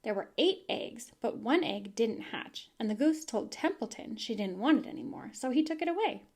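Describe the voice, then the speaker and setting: A woman reading the part of a young farm girl who eagerly rushes on about the barn animals. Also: a little high, lively intonation, darkish tone. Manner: eager, rushing on with her story.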